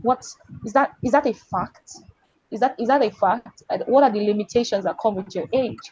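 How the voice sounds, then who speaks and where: A woman's voice: on the high side, normal speed, a little mellow, breathy edge, highs cut off. A woman hosting an online panel over a video call, circling back and restarting her questions. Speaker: panel host.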